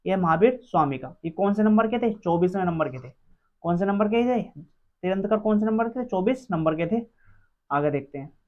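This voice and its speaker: In a dull lo-fi recording, a teacher leads an exam-prep quiz lesson, reading each question aloud, answering it and repeating every answer several times. The voice is medium-pitched and animated, at normal speed.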